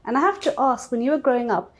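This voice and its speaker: A woman's voice: high-pitched, lively intonation, fast talker. Welcoming woman hosting an interview. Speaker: host. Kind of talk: interview host.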